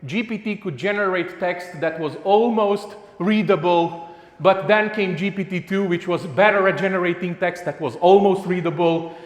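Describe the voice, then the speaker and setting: A conference speaker with a Romanian accent talks at normal speed in a high-pitched voice, joking at his own expense and stumbling through fillers and restarts. The hall is echoey with a long reverb, and a live audience is present.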